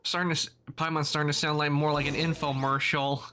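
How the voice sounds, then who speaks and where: A man's voice: fairly high pitch, little pitch movement, fast, background noise. A male streamer casually commenting on a game with wry, joking asides.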